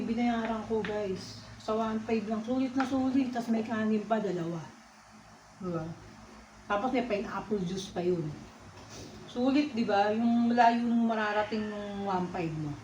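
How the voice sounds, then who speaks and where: A woman's voice: fairly high pitch, darkish tone, a little hiss or hum. Woman food vlogger with a raised voice, casual mealtime chatter, in an echoey room with dull sound. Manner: chatty, keeps calling out to viewers; talks while eating. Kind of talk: casual eating vlog chat. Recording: echoey, slightly dull recording.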